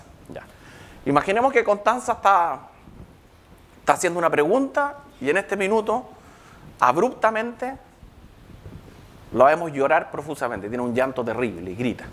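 A man's voice: on the high side, very animated, moderate pace, pauses often, a bit bright. A man giving a live public lecture, checking in with the audience through constant rhetorical questions.

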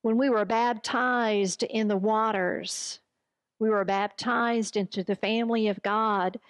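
Slow, earnest woman preaching a sermon. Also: medium pitch, no room sound. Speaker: pastor.

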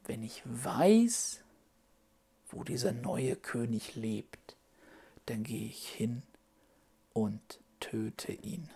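A sly old king plotting murder, as a woman puts him on for a children's Bible story. He talks slow and hushed, dropping low and soft with menace. Deep, wide swings in the delivery. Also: big pitch swings. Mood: menacing.

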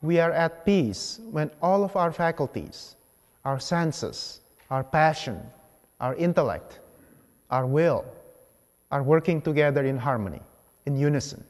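Long church reverb follows an animated priest as he gives a homily at the ambo of a large sanctuary. His voice sits fairly high, and he preaches in measured, deliberate phrases broken by pauses.

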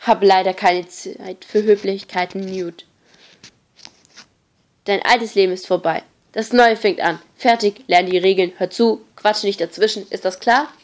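A woman reading an audiobook, voicing a gruff, bossy teenage boy who leads the group and barks orders loudly. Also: medium pitch, steady tone, a little slow, lightly acted. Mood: angry. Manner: loud, barking orders.

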